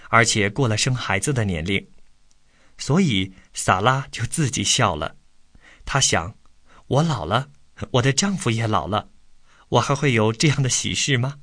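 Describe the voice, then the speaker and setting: A man calmly reading a Bible story aloud from a script, then posing study questions to listeners. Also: mid-range voice, dry recording, studio quality.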